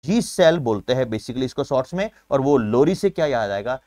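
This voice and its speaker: A man teaching an exam-prep science class, energetic, building memory tricks and calling viewers his friends. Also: mid-range voice, moderate pace, no room sound, studio quality. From India. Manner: energetic, uses memory tricks and asks himself questions; keeps addressing viewers as friends.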